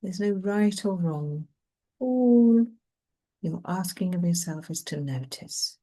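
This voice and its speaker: Here a woman with a lowish, expressive voice guides listeners through mindfulness meditation. Her delivery is gentle and calming, and she leaves long gaps between phrases.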